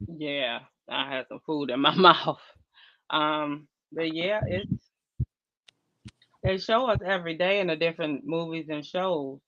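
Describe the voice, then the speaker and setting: A man's voice: fairly high pitch, a little slow, long pauses, pushed and bright, no room sound. Laid-back man on dull, dry audio. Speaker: livestream co-host. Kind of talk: casual livestream chat.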